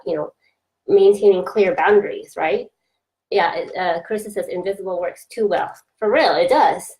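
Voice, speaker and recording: A woman coach who works with introverted business owners talks casually and reflectively on a Facebook Live stream, often using fillers and restarting sentences. Her medium-pitched voice has a darkish tone, and the recording is rough.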